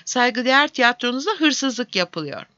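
A woman voicing a short-tempered male dwarf in a storybook, shouting indignantly. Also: on the high side, lively intonation, measured pace, dry recording, muffled recording, pitched above the performer's own voice. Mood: angry shouting.

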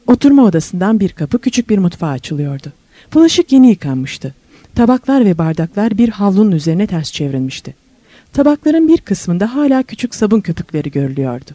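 A woman's voice: mid-range voice, dark tone, no room sound. A woman narrating a novel aloud as an audiobook reader, telling the story expressively and lifting her voice for questions and moments of wonder.

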